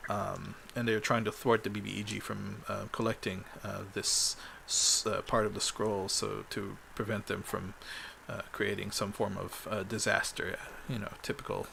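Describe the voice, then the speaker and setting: A man running a tabletop game as game master, recapping the last session in a halting way, full of ums and uhs. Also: fairly low pitch, level tone, gravelly, bright, forceful tone, slight background noise.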